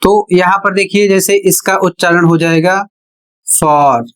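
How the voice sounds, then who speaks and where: A man teaching English pronunciation in a slow explanatory lesson, deliberate and repeating his phrases while drawing out key sounds. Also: high-pitched, little pitch movement, a bit bright, smooth, low-quality recording.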